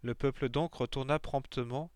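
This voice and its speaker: A man reading scripture aloud in a measured, solemn manner. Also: mid-range voice, fairly even intonation, a little mellow, clear, resonant tone, no echo, studio quality. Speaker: reader.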